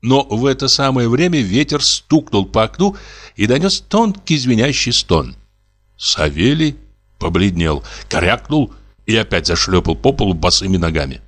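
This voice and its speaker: A man narrating a classic literary story for an audiobook in a measured, expressive manner. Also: lowish voice.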